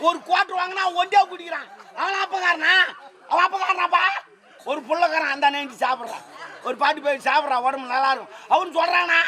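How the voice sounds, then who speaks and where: A man's voice: extremely high pitch, steady tone, fast, sharp tone, some chatter behind, full character voice. A man playing a cheeky grown son who teases his mother in a Tamil street-theatre comedy, with boastful, bantering talk.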